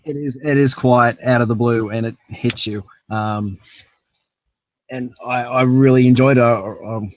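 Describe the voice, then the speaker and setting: A man's voice: mid-range voice, steady tone, a little slow, a little mellow, a little hiss or hum. A man, co-hosting a casual film review, easygoing and hesitant with frequent restarts. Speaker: film review podcast co-host.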